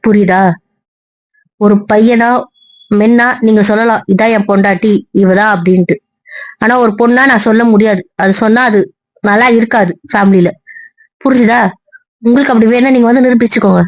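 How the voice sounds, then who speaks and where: Bitter, sarcastic wife, fast cutting delivery, dry audio, played by a woman. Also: medium pitch, dry recording, lo-fi sound, natural voice. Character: hurt, bitter young wife on the phone. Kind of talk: amateur audio drama.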